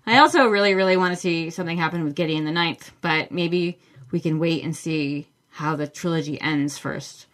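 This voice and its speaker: A woman hosts a book podcast on her own, answering listener questions in a casual, enthusiastic way with plenty of fillers. Her voice sits low and a bit bright, and she talks at a normal speed.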